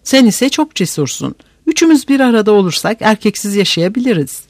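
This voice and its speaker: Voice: mid-range voice, big pitch swings, a little fast, no echo, studio quality. A narrator voicing a timid, faint-hearted older aunt with a quavering, bleating voice in an audiobook reading. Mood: whining. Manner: whining, fretful.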